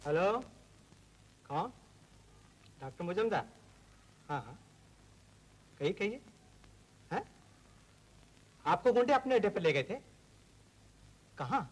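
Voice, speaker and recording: An actor playing a police officer taking a report over the phone in a 1950s film. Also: male voice, sits high, exaggerated voice, poor audio. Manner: brisk, questioning on the phone.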